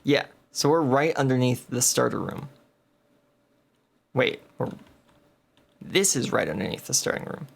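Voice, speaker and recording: A man talks through his gameplay at an unhurried pace, his voice a bit gravelly. He thinks aloud and mutters coordinates and counts as he goes. It sounds like relaxed, casual play commentary. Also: mid-range voice. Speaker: game video host.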